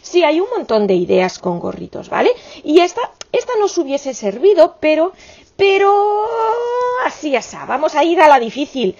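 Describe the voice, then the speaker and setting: A woman's voice: sits high, big pitch swings, moderate pace, darkish tone, lo-fi sound. A woman, teaching a crochet tutorial in a chatty, affectionate way full of exclamations and diminutives.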